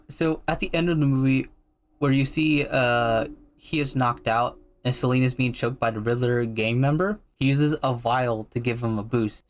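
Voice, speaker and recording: A man co-hosting a casual movie review chat, explaining plot points with fillers like "uh" and "like.". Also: medium pitch. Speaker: co-host.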